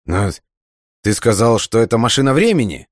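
A man's voice: medium pitch, big pitch swings, moderate pace, no echo, clean studio sound, voice pushed up. A man doing a drunk, prickly young man. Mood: indignant. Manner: shouting, indignant outbursts.

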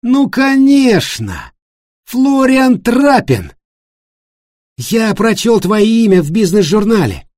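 A man voicing an excited, talkative businessman who tells a story loudly and insistently. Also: sits high, slow pace, no room sound, studio quality, voice pushed up, full character voice.

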